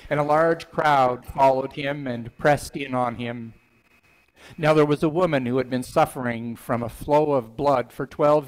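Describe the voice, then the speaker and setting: An older man reading scripture aloud and preaching in a church sanctuary on a headset mic, voicing quoted lines with lifted pitch. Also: rough recording. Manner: expressive reading, voices quoted lines higher; stands at the front holding a book, conversational preaching. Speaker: minister.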